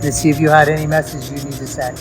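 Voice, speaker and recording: A man hosting a paranormal vlog, speaking in a hushed, coaxing way as he addresses spirits in a cemetery at night. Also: on the high side, level tone, fast talker, music in the background, rough recording. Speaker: paranormal investigator host. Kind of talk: casual vlog narration.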